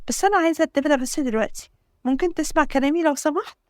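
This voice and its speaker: A woman's voice: high-pitched, rapid-fire, dry recording, studio quality, pitched above the performer's own voice, natural voice. A woman voicing a loving, stubborn young bride, speaking with an Egyptian Arabic accent. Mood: firm. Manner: affectionate, firm.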